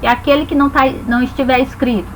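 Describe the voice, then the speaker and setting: A woman's voice: high-pitched, fairly even intonation, racing, slight background noise, rough recording. A Brazilian woman teaching a grammar lesson, explaining patiently and spelling words out syllable by syllable.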